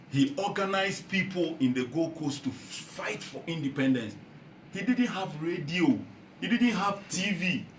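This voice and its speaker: A man with a Ghanaian accent speaks to a meeting in a rousing political speech. His pitch swings widely as he shifts from loud calls to low, earnest tones. The room sounds echoey, with faint ambient noise behind him. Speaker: party founder addressing a meeting.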